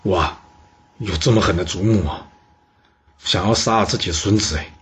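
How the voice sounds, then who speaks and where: Husky, chatty male history storyteller. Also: low voice, normal speed. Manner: chatty, asks rhetorical questions.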